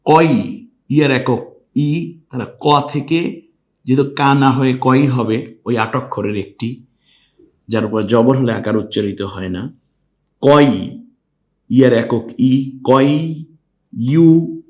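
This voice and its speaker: A man teaching Quran recitation, patiently spelling out letters and vowel marks one by one, then breaking into long drawn-out melodic chanting of the verse. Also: medium pitch, darkish tone. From Bangladesh. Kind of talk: step-by-step recitation lesson.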